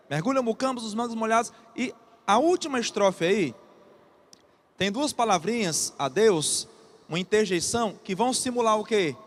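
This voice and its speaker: Brazilian guy teaching exam prep, pretty high voice, keeps asking the class "tá?" and spelling stuff out slow. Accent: Brazilian Portuguese. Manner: reads poem aloud rhythmically, then explains with frequent "tá?" and "né?"; repeats key terms slowly for students to note.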